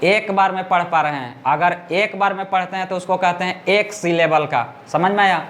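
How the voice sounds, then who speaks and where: High pitched guy teaching a class, goes step by step, keeps asking if everyone gets it. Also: moderate pace, fairly bright tone. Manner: explains step by step, keeps checking students understand. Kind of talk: classroom grammar lesson.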